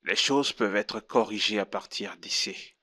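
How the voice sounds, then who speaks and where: Moralizing counselor in a dubbed drama; low, bright, measured. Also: male voice. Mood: preachy. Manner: measured, sermonizing. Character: moralizing male counselor, calm and preachy. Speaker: marriage counselor.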